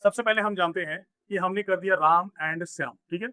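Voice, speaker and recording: A man's voice: high voice, a little fast, pushed and bright, no echo. A man teaching a grammar lesson, explaining step by step and asking and answering his own questions. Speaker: English teacher. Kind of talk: classroom grammar lesson in Hindi.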